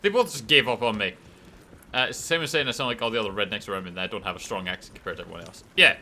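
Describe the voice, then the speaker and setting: A man's voice: fairly low pitch, rapid-fire, pushed and bright, slight background noise. A Scottish man chatting casually while streaming a game and reading chat aloud. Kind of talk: casual gameplay commentary.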